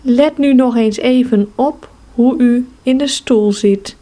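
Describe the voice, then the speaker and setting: Woman, relaxation guide; very slow, calm, soothing delivery, slightly high voice. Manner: slow, calm, soothing instructions with long pauses. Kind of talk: guided progressive muscle relaxation.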